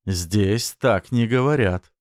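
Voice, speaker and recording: A man voicing a menacing, possessive man who speaks slowly in a low, threatening tone. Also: dry recording, clean studio sound, natural voice. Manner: slow, low, threatening delivery.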